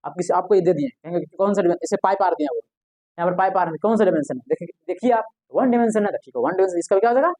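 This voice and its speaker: A man's voice: high-pitched, very fast, darkish tone, no echo. A man teaching an exam-prep math lesson, often asking the class a question and answering it himself.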